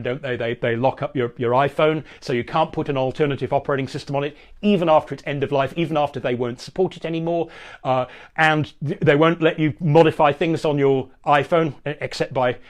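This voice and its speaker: A man hosting a tech security talk, explaining in a chatty, rambling way with frequent restarts. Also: on the high side. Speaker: host.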